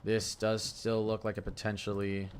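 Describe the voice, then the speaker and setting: A man hosting a live severe weather stream, commenting in a halting way and often repeating or correcting himself. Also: lowish voice, monotone, a little hiss or hum.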